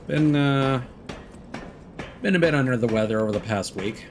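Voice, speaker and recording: In a relaxed let's-play livestream, a man chats informally and warmly with his viewers while he plays a video game. His voice is medium-pitched at a moderate pace, and there's background noise.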